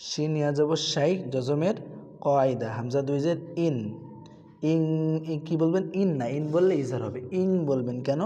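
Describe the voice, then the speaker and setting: Guy teaching quran recitation, mellow low tone, long echo around him. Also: moderate pace. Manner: asks questions and answers them himself, repeats syllables. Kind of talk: tajweed lesson with recitation drills.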